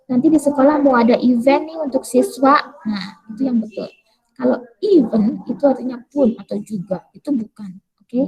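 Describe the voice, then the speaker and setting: Chatty woman teacher with a husky voice. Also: high voice, darkish tone, highs cut off. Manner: explains words, then repeats them slowly; chatty, asks questions and answers them. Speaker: English teacher. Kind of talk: casual video lesson.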